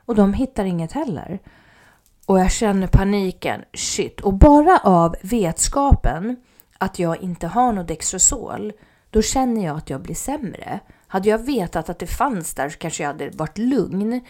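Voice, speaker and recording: A woman telling a personal anecdote in casual speech, animated, acting out what people said and sometimes dropping to a near-whisper. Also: mid-range voice. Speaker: mother telling a personal story.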